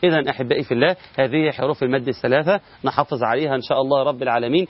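A middle-aged teacher with an Egyptian Arabic accent goes through Quran recitation rules step by step in a recorded lesson, asking himself questions, answering them and drawing out sample words. He talks very fast at medium pitch, and the sound is lo-fi.

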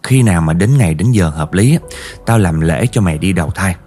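A man's voice: sits low, expressive, a little fast, dark tone, husky, soft background music. Man doing a stern old exorcist. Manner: harsh, scolding, blunt orders. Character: stern older male exorcist, commanding and threatening.

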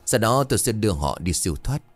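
A man voicing a calm, authoritative older village shaman in a ghost story. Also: on the low side, fast talker, soft background music, pitched above the performer's own voice. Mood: solemn.

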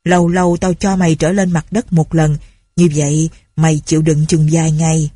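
A sly male accomplice in a storybook, plotting in clipped, conspiratorial lines, put on by a woman reader. His voice is husky and dry. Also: deep voice, little pitch movement, brisk, warm tone, no room sound. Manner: curt, conspiratorial.

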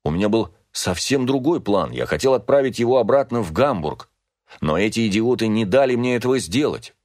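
A man's voice: lowish voice, expressive, a little fast, darkish tone, no room sound, clean studio sound, natural voice. A man voicing a grief-stricken middle-aged father who pleads with his son, emotional and rising to anguished cries, read as an audiobook character. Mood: pleading.

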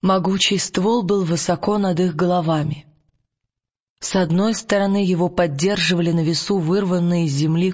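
A man reading an audiobook aloud in a calm, measured storytelling manner. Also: high voice, slightly rough, dull audio. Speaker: audiobook narrator. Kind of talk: scripted narration.

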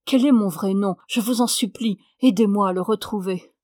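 A woman's voice: mid-range voice, normal speed, dark tone, dry recording, clean studio sound, lightly acted. A woman reading as a nervous amnesiac man. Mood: anxious. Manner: nervous, pleading.

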